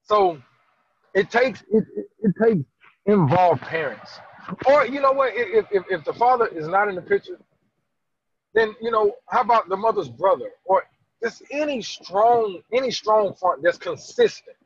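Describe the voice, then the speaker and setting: A man with a high, lively voice speaks earnestly about fatherhood, his tone husky and slightly breathy. He stammers and restarts as he presses his points. The recording is dry and a little dull. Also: measured pace, dry recording. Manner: earnest, emphatic, lots of restarts and stammered repeats. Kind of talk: candid conversational interview.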